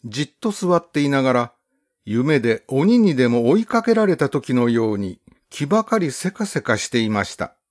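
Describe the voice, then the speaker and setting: A male narrator reads a first-person story with a measured, gently expressive delivery. His pitch sits in the middle but rises and falls a great deal from phrase to phrase, giving the reading plenty of melody. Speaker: audiobook narrator. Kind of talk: calm literary storybook narration.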